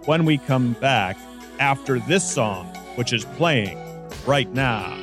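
Over music, a Canadian man with a medium-pitched voice hosts a casual radio talk show, speaking slowly yet animatedly. He lays out his opinions in long, rambling stretches and restarts often.

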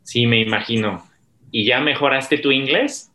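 A man's voice: medium pitch, measured pace, bright, forceful tone. A man hosts an interview podcast, speaking in an ordinary mid-range voice. He asks his guests polite questions, sometimes with a filler word. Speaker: podcast host, university professor.

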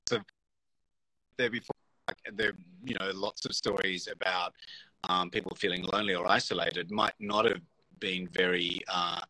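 A man with a fairly low but bright, forceful voice that has a husky edge. He speaks as a guest in a casual conversation, thinking aloud, hesitating and restarting his sentences. The sound is dry and close. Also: dry recording, low-quality recording. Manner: thoughtful, hesitant, many restarts and fillers. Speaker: guest, comedy producer. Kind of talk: casual conversation on a live show.

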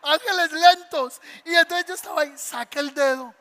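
A man preaching a sermon as pastor, telling a story with animated acted-out voices in a church. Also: extremely high pitch, fast talker, long reverb tail. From Colombia. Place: church sanctuary.

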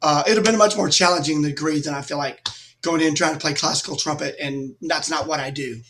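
High-voiced animated middle-aged man from Texas. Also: fast talker, a little hiss or hum. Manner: animated anecdotes with lively acted-out quotes. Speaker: guest musician. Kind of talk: casual storytelling interview.

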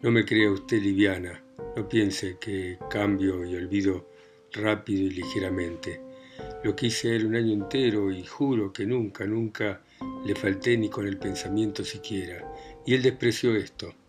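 A man voicing an emotional young woman torn in love in an audiobook, pleading and halting, with music behind. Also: on the low side, fairly even intonation, voice pushed down, natural voice. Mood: tearful. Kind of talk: audiobook reading.

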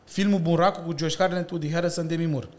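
A man in his thirties, a breakdancer and stuntman, chatting as a podcast guest and telling lively stories with slang and laughter. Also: fairly high pitch. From Romania. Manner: animated storytelling with slang and laughter. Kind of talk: casual chat.

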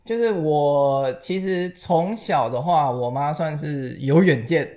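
A man's voice: fairly high pitch, slow pace, mellow. Easygoing young man. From Taiwan. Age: young adult. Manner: easygoing, agreeable, shares own story. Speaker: podcast co-host. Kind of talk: casual podcast chat.

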